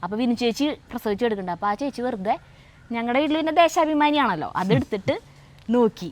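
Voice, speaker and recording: A woman's voice: on the high side, lively intonation, fast talker. Chatty middle-aged woman storytelling. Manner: chatty, many fillers and self-corrections. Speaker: co-host of a family cooking vlog. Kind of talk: casual storytelling. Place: home kitchen.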